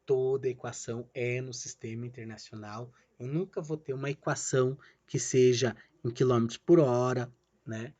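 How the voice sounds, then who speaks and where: A man's voice: medium pitch, dark tone, dull audio. A male physics teacher gives a recorded online lesson. He explains each step and checks in with "né?" and "certo?", and he calls himself the teacher in the third person.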